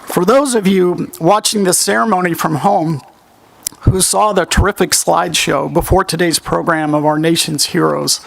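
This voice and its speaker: A man giving formal ceremony remarks as master of ceremonies, speaking in measured, courteous tones at a lectern microphone. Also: a little high, fairly even intonation, gravelly, a bit bright, a little hiss or hum, rough recording.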